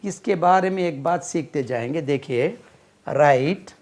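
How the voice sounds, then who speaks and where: Slow-paced man teaching English. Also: fairly high pitch, a little mellow. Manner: slow, repeats words and spells them out while writing. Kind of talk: classroom-style lesson explaining grammar.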